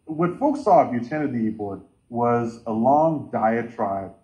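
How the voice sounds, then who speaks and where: A man's voice: medium pitch, animated, unhurried, warm tone. A man in his forties chairing an online meeting from a home room, talking earnestly and gesturing with his hands. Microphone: video call. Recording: dull lo-fi sound from a laptop.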